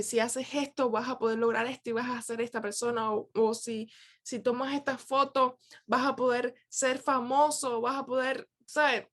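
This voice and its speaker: Woman reflecting warmly in a youth class. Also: high voice. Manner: conversational, with many fillers and restarts. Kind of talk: casual reflective teaching. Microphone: video call.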